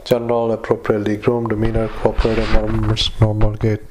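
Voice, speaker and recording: Flat-voiced male doctor on a dictaphone recording. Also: fairly low pitch, noisy background. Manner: halting, many fillers and self-corrections. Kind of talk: medical dictation.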